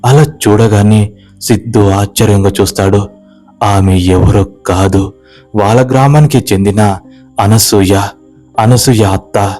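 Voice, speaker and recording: Low, dark-voiced male horror narrator. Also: fairly even intonation, faint music behind. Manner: slow, suspenseful telling. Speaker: storyteller.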